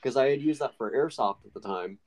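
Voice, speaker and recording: A man's voice: mid-range voice, brisk, poor audio. A young man casually telling a long story with many fillers on a podcast. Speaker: podcast co-host.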